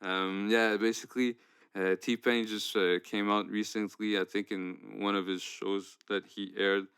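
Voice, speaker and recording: A young man from Canada co-hosts a music podcast, his voice on the low side and smooth and clear. He rambles through his points with lots of fillers and restarts, recorded close and dry. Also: little pitch movement, measured pace, fairly bright tone, no echo. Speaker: podcast co-host. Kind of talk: casual chat.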